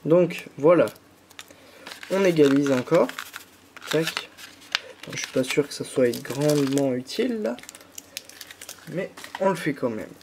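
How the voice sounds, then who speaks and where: This YouTuber, a young French man with a mild head cold, has an expressive, somewhat high voice and speaks slowly with long pauses against a noisy background. He patiently explains each step of a candy kit, leaning on many fillers.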